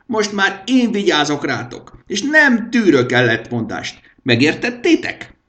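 A man voicing a shrill, tyrannical king of lost things in a storybook reading, with a screeching high voice. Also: big pitch swings, bright, forceful tone, heavily acted. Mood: domineering.

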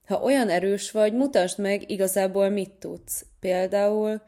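A woman voicing a clever, playful young male cat, a big brother in a children's storybook, talking in a lively, teasing way. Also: medium pitch, natural voice.

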